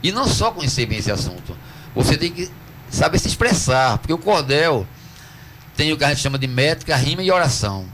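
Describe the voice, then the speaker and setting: Earnest Northeastern Brazilian poet explaining. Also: male voice, on the high side, very animated, background noise. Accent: Northeastern Brazilian Portuguese. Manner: earnest, teacherly, slows to stress syllables. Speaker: cordel poet, interview guest. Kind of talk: radio interview, explaining at length. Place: radio studio.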